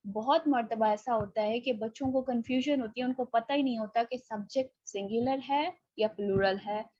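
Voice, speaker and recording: Woman with a Pakistani accent, online grammar teacher, bright high voice, dry dull call audio, patient explainer. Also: moderate pace, no echo. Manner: explains patiently, mixing in English phrases. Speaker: English teacher. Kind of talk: online class lecture.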